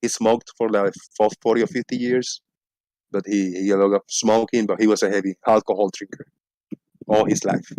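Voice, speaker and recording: A man's voice: fairly low pitch, little pitch movement, moderate pace, darkish tone, dry recording, low-quality recording. A man in his forties from Puerto Rico with a Puerto Rican accent, a native Spanish speaker chatting loosely on his livestream, laughing and swearing, with a little frog in his throat. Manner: rambling, laughing, swears freely. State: slight frog in the throat, clearing it. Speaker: livestream host. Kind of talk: casual livestream chat.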